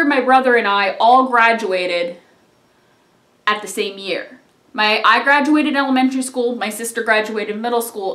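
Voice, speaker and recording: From a couch in a small, echoey living room, a young adult vlogger with a mid-range voice tells a chatty, rambling personal story. Picked up by a tripod-mounted camera a few feet away, the speech keeps trailing off into mumbles and side remarks.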